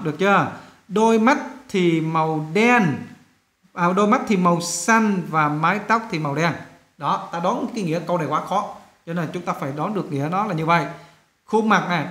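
Man, teacher's lesson voice, fairly high pitch, roomy echo. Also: fairly bright tone. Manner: slows down to read sentences aloud, fills with "đó" and "à". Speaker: English teacher. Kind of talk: classroom lesson explaining sentence rewriting.

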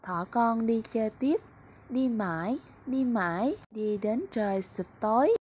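A woman preschool teacher tells a children's story with clear, expressive narration. Her voice sits a little higher than most women's. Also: unhurried, a little hiss or hum.

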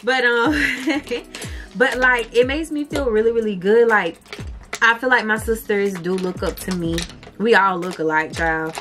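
A woman's voice: medium pitch, measured pace, fairly bright tone, faint music behind. A young woman, a beauty vlogger chatting heartfelt to her viewers, calling them "y'all.". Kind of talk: casual chat to camera.

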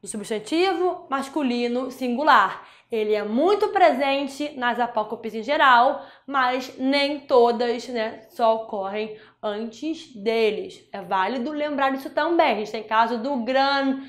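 A woman's voice: fairly high pitch, slow pace, few pauses. Woman, Spanish teacher, exam-prep lesson, explanatory with tag questions, roomy echo. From Brazil.

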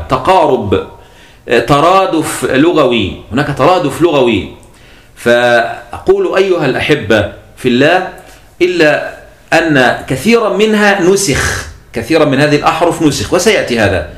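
A man's voice: a little high, fairly bright tone. Egyptian man lecturing in an echoey room. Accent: Egyptian Arabic. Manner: explains step by step, repeats key points, addresses listeners as beloved in God. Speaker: teacher of Quran sciences. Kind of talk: recorded lecture.

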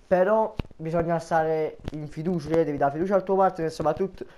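Young man, Neapolitan accent, comedy sketch, rapid teasing banter, swearing. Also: fairly high pitch, warm tone, a little hiss or hum.

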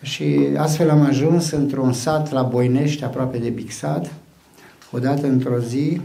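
An older man hosts a small event and tells anecdotes, often stopping for fillers. His voice is dark and gravelly. It comes through a stand mic in a room with noticeable echo. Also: medium pitch, steady tone. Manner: anecdotal, hesitant with many fillers. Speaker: event host. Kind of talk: storytelling speech. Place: small hall with a banner backdrop.

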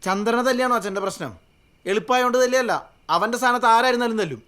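A man's voice: very high-pitched, fast talker, fairly bright tone. An actor playing a young village man who argues back at his father and teases his sweetheart on the phone. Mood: defiant. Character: young village man, hot-headed but lovestruck. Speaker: film actor. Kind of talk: film drama dialogue.

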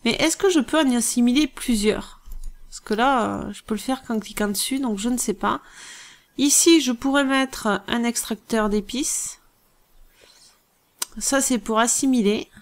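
A woman hosting a let's play, thinking aloud through strategy gameplay in a musing, hesitant way with many pauses. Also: a little high.

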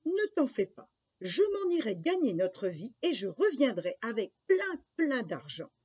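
A woman's voice: medium pitch, very animated, unhurried, a little mellow, breathy edge, no room sound. A woman voicing a bold, cheerful seven-year-old boy in an eager, bouncy voice. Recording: dull lo-fi recording.

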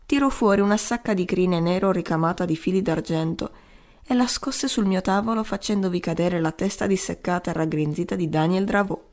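A woman narrating an audiobook in a measured, literary way. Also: on the low side, darkish tone. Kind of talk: audiobook reading.

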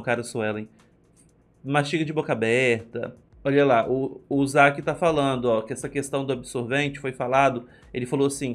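A man with a Brazilian Portuguese accent commenting live on a reality show, gossipy and exasperated, recapping the cast's arguments and reading chat messages. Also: mid-range voice. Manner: gossipy, exasperated, quotes the cast in quick recaps. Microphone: headphones and desk mic.

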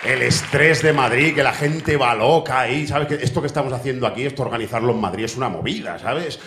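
A man in his thirties with a Spain Spanish accent performs a stand-up comedy set, swearing freely and bantering with the crowd. His voice sits at an ordinary pitch for a man and rings through a roomy theater. A faint audience murmur and light noise sit behind him. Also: a little fast, fairly bright tone. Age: 30s. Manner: brash, profane, chatty with the crowd. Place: theater stage.

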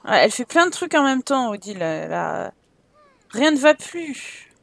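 A woman's voice: fairly high pitch, very animated, unhurried, gravelly, fairly bright tone, no room sound. A young woman giving casual commentary while playing a life-simulation game, talking to her characters and swearing at the game in exasperation. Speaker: Sims let's play streamer.

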